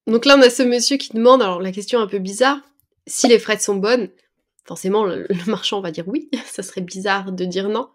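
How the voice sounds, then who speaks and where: A woman teaching a French lesson, patiently explaining words and expressions step by step, with small hesitations as she goes. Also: mid-range voice. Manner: patient, breaks words down slowly with fillers.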